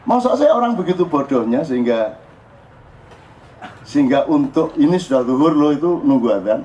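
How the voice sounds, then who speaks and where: Man, Javanese accent, informal sermon to a crowd, animated and joking, slightly high voice, muffled live recording. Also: normal speed, slight background noise. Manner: joking, animated, mixing in local dialect. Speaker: speaker at a religious forum. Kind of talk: informal religious talk to a crowd. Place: live open forum event.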